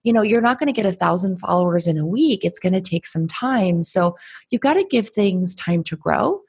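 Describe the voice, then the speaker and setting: A woman's voice: on the low side, lively intonation, moderate pace, darkish tone, husky. A woman from Connecticut, a guest on a casual podcast, confident and matter-of-fact with dry humor.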